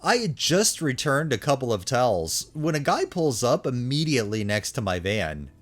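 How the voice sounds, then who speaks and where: Man reading stories with lively intonation. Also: mid-range voice, normal speed. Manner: animated, swinging intonation. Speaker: narrator and host of a story channel. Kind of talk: reading online posts aloud with brief commentary.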